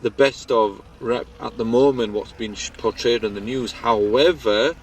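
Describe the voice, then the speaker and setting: A man's voice: mid-range voice, normal speed, low-quality recording. A man, a podcast guest, speaking earnestly and emphatically in a casual chat. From England.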